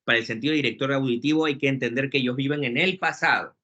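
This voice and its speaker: A man giving a webinar talk on leadership, lively and joking, acting out quotes along the way. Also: mid-range voice, fast talker. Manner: lively, jokey lecturing with acted quotes. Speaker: webinar speaker. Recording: muffled lo-fi webinar audio.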